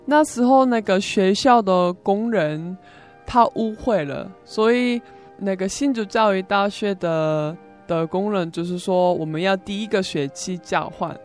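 A young Korean woman shares a personal story in conversation, speaking Mandarin as a foreigner with a Korean accent. Her phrasing is simple and halting, with words often repeated, and her pitch sits at an average height. Music plays behind her. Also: darkish tone. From South Korea. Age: young adult. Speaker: interview guest, student.

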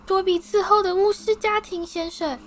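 Dobby, a woman doing a shrill little house-elf. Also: fairly even intonation, normal speed, a bit bright, a little hiss or hum. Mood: anxious. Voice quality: high and shrill. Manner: squeaky, overwrought, deferential. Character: small servile excitable male house-elf, tearful.

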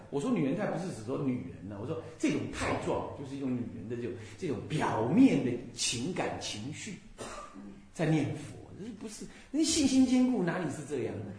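A male Buddhist abbot giving a dharma talk with a high, lively voice that swings up and down. He scolds his listeners and mimics the people he criticizes. The sound is very echoey, as if recorded in a large bare room. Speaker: Buddhist monk and temple abbot.

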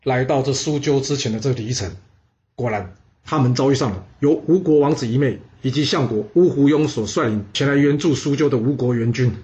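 A man telling a historical story in a lively, animated way, full of exclamations and chatty asides. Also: mid-range voice, a little fast, muffled recording.

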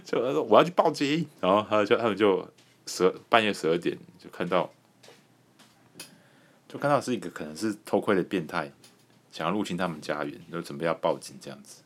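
A man from Taiwan hosting a podcast, telling a comic personal story in an animated way and laughing often. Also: sits low, brisk, long pauses. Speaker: podcast host.

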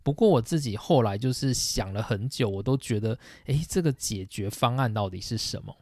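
Gravelly-voiced man hosting a podcast. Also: mid-range voice, lively intonation, normal speed, darkish tone, no echo, studio quality. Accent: Taiwanese Mandarin. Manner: conversational, thinks aloud with fillers. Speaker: podcast host. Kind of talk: casual explanatory monologue.

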